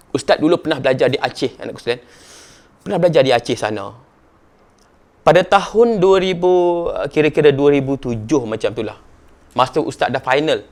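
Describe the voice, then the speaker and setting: A middle-aged Malaysian man with a northern Malaysian accent, preaching a youth sermon and telling a story with dramatic swings in loudness. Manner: dramatic, with sudden rises in pitch and loudness; often addresses the audience directly.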